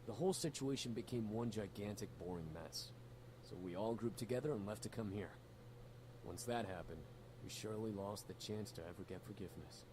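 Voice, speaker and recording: Brief: male actor as a rebellious young demon prince, blunt and crude, low-set voice, faint hiss behind. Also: a little fast, natural voice. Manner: blunt, swears casually. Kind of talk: game voice acting.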